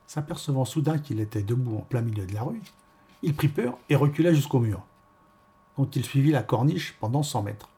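A male narrator reads a novel aloud with a wry, measured delivery. His voice is husky and of middling pitch. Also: animated, dark tone. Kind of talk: audiobook reading.

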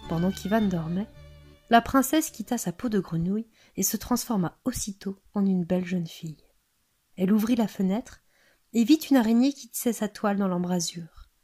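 A woman reading folk tales aloud in a gentle, soothing storytelling manner. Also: mid-range voice, moderate pace, husky, faint music behind. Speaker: storyteller for a museum. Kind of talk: calm read-aloud storytelling.

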